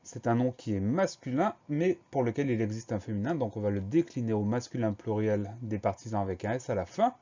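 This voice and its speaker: A man teaching a spelling lesson to young pupils, spelling each word slowly, letter by letter. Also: on the low side, animated, mellow, dull audio. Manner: slow, careful letter-by-letter dictation.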